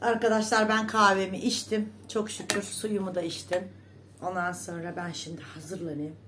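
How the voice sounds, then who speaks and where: A woman's voice: mid-range voice, level tone, moderate pace, a bit bright, slight background noise. A woman vlogger in a casual monologue to her viewers, scolding and indignant, repeating herself with emphatic oaths.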